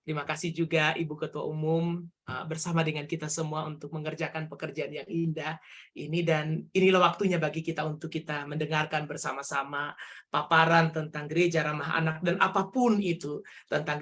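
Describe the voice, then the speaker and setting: Seminar moderator, medium-pitched voice, formal hosting with halting phrases. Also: fairly even intonation, fairly bright tone.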